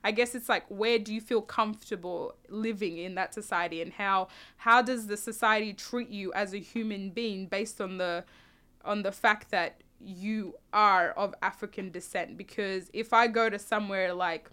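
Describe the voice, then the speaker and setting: Young woman, from South Sudan, reflective, thinks aloud, clear smooth voice, pitch in the middle. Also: fairly even intonation, moderate pace, pushed and bright. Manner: reflective, thinks aloud with restarts and "you know". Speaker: interviewee. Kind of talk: casual conversational interview.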